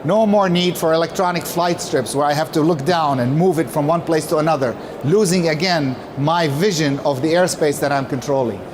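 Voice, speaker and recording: Speaking at a moderate pace with few pauses, a man with a slightly high voice gives a prepared conference talk for his company. He explains things emphatically and answers his own questions. Background noise is present.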